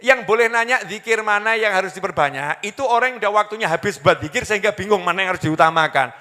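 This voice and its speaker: A man's voice: high voice, fast, sharp tone. A man preaching a sermon in a folksy, teasing and humorous manner. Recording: long hall reverb.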